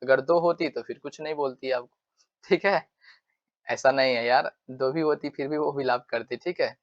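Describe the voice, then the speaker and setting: A man's voice: mid-range voice, moderate pace. A male English teacher giving a casual exam-prep lesson, repeating himself and checking in with tag questions. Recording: dull lo-fi sound.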